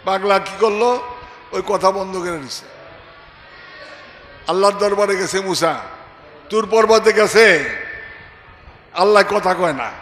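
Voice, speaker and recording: High, bright-voiced preacher. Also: male voice, a little slow, long pauses, roomy sound, big-room sound. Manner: sing-song, emphatic, shifts between shouting and murmuring. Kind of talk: Bengali religious sermon, storytelling with quoted voices.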